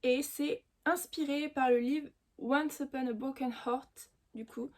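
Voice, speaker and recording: A woman with a high, light voice talks casually through a book-box unboxing for her channel. She chats freely and fills her pauses with hesitant little fillers. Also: steady tone. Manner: chatty, full of hesitant fillers. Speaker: booktube host.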